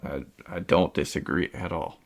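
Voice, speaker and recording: A man's voice: very deep voice, fairly even intonation, normal speed, creaky. A man from the US hosting a podcast, telling a true-crime story in a casual, conversational way with many fillers and restarts. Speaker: podcast host.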